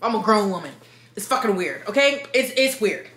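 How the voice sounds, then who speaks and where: A drunk woman in her thirties giving a rambling, exasperated, sweary book review rant in an animated, emphatic way. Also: mid-range voice, moderate pace. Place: living room with bookshelves, indoors. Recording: roomy home echo.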